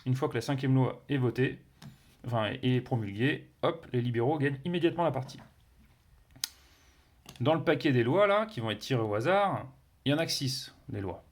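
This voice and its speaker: A man's voice: mid-range voice, lively intonation, moderate pace. A man reviewing a board game, explaining its rules casually with many fillers, restarts and playful sound words. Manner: hesitant, many fillers and self-corrections.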